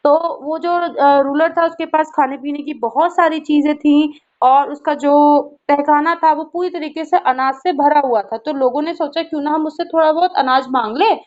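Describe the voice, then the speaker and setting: Young woman, school teacher, high bright voice, patient explaining, slow careful reading of verse, dull lo-fi sound. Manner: patient, checks understanding with frequent "ठीक है?"; reads poem lines slowly and deliberately. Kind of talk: explaining a poem to students in Hindi. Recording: dull lo-fi recording.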